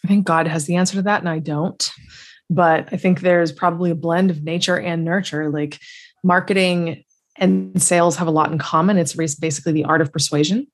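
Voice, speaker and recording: A middle-aged woman, a marketing entrepreneur, talking casually as a podcast guest and acting out her old sales pitches in lively little bits. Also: brisk. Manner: animated storyteller who acts out her own cold-call pitches. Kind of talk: casual interview conversation.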